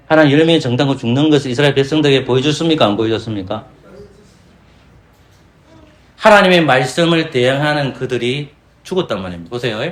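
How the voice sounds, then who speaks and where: Animated Korean pastor preaching a sermon. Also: male voice, mid-range voice. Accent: Gyeongsang. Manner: rhetorical questions to the congregation, acts out quoted voices. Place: church sanctuary.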